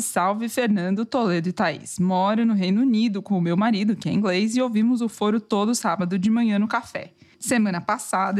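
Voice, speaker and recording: A woman with a Brazilian Portuguese accent co-hosting a political podcast, reading listener letters and adding quick, dry asides. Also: medium pitch. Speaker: podcast co-host.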